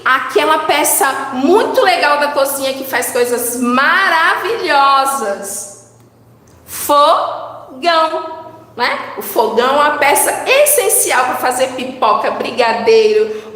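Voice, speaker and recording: Woman teacher, high voice, slow patient child-directed delivery, echoey room. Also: a bit bright. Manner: slow, drawn-out syllables, coaxing questions to children. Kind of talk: children's lesson, slow and sing-song. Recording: echoey room with long reverb.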